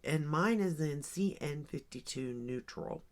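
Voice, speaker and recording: Speaking a little slowly in an expressive, low voice, a beauty vlogger in her forties chats while doing her makeup. It's a relaxed get-ready-with-me video where she rambles, thinks aloud, and uses lots of ums and likes.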